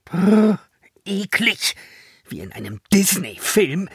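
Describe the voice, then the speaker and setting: A man's voice: a little high, wildly swooping pitch, measured pace, slightly rough, no echo, clean studio sound, voice pushed up, heavily acted. A man voicing a grumpy, sarcastic young girl villain in an audiobook. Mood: mocking. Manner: sarcastic, disgusted, drawling.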